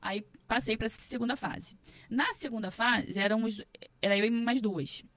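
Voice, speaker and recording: A woman's voice: fairly high pitch, a little slow, fairly bright tone, no echo. A woman, a podcast guest telling her story frankly, with a mild stammer that now and then blocks a word. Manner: frank storyteller, reenacts her own past remarks. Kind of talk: casual interview chat. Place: podcast studio.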